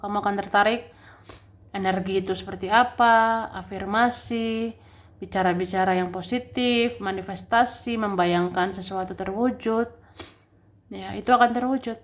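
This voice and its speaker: Chatty woman giving a tarot reading. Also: mid-range voice. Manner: chatty, repeats and rephrases each point, laughs often. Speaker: tarot reader.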